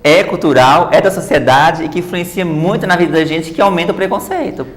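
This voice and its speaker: A woman's voice: fairly low pitch, a little fast, echoey room. A woman guest in a TV studio interview, explaining at length and often adding "né" tags. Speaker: guest author and activist.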